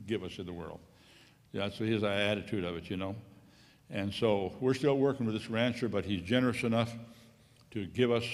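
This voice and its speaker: A middle-aged man giving a rambling, folksy missionary report to a church congregation, coughing now and then. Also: on the low side. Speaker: missionary pilot. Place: church sanctuary. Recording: long church hall reverb.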